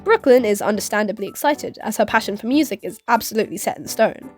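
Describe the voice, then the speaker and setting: A woman's voice: medium pitch, lively intonation, fast talker, faint music behind. A woman in her twenties recapping a film in a casual commentary vlog, full of sarcastic asides and giggles. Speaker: YouTube commentator.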